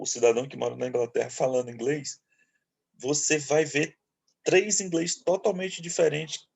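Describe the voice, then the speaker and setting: A man from Brazil teaching an English lesson to eighth graders, explaining slowly and often checking in with his students. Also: fairly high pitch, vocal fry, darkish tone, slightly rough. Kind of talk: online class lecture.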